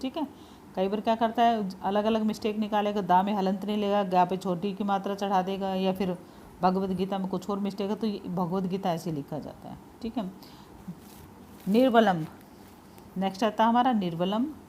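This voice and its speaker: A woman's voice: medium pitch, fairly even intonation, mellow, slight background noise. Patient woman teaching spelling. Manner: patient, spells words out slowly, repeats key points. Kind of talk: spelling lesson for exam prep.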